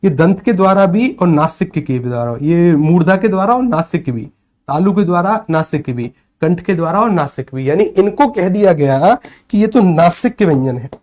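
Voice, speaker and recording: A man's voice: high-pitched, animated, normal speed, darkish tone. A man in his thirties teaching a lecture, asking questions and repeating the answers to drill them in. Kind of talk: classroom lecture.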